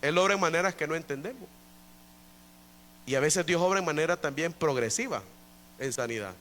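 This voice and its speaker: A man preaching an evening church sermon in a high, bright, ringing voice. He drives his points home through emphatic repetition and keeps calling out to his brothers in the pews. The sound carries the long echo of a church hall. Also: expressive, fairly quick, slight background noise. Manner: emphatic preaching with many repetitions, often addressing listeners as brother. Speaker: pastor. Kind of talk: evangelical sermon. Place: church during an evening service.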